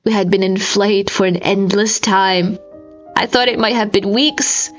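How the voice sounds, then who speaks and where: A woman with a medium-pitched, steady voice narrates a dramatic horror script as an amateur audiobook reader, unhurried yet intense and theatrical, with breathy whispers and strained cries. The audio sounds dull, and faint music plays behind her.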